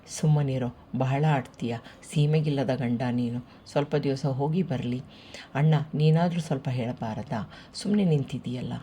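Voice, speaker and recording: A narrator doing a brisk, scolding mother. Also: extremely low pitch, mellow, slight background noise. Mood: chiding.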